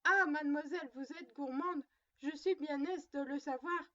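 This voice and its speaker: A woman's voice: sits high, normal speed, bright, forceful tone, highs cut off. A woman reading a storybook, voicing a little girl who sternly plays mother to her doll, prim and lecturing. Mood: scolding.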